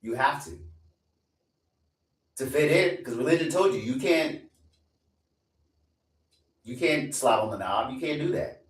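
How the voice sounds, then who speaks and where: An expressive, mid-range male voice, unhurried and full of pauses, comes from far off the mic in an echoey room. The speaker is a twenty-something streamer delivering a casual, profane rant that repeats lines for emphasis.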